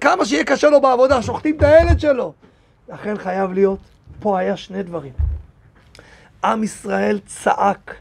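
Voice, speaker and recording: Gravelly high-voiced rabbi teaching a class. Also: male voice. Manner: animated, rhetorical questions, reads verses aloud. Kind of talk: lively Torah lesson with audience questions. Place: synagogue.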